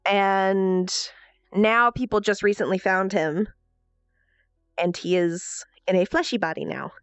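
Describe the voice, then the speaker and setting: A woman's voice: mid-range voice, slow, clear, resonant tone, no room sound, faint music behind. Nasal, congested woman streamer chatting playfully. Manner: playful, self-mocking, expressive. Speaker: livestreamer and role-player. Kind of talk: casual livestream chat.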